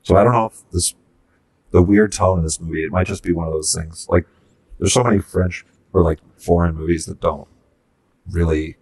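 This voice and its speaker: A man's voice: sits low, steady tone, a little mellow, slightly rough. A man co-hosting a casual film podcast, rambling through his points with many restarts. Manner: rambling, halting, many fillers. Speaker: podcast co-host.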